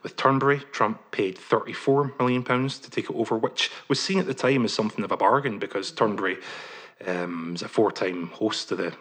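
Journalist guy, kinda husky, lowish voice, lots of ums, careful answers. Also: steady tone, fairly bright tone. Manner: measured, many ums, careful hedging. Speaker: journalist guest. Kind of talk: interview answers.

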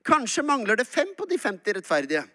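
A pastor reading as Abraham, haggling humbly. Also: male voice, very high-pitched, huge pitch swings, pushed and bright, pitched above the performer's own voice, heavily acted. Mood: pleading. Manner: pleading, haggling. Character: Abraham, old patriarch bargaining humbly with God.

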